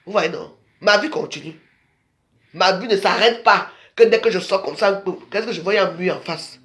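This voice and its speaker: Brief: high-pitched man, video rant, scolding and confrontational, rambling delivery. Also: a bit bright. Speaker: social media video maker. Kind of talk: ranting monologue to followers.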